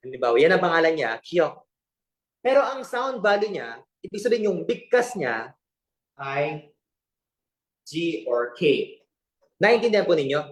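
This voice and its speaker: A man with a fairly high voice teaches an online class over a video call. He keeps asking his students questions and slips playful jokes into the lesson. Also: very animated, moderate pace, pauses often. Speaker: Korean language teacher.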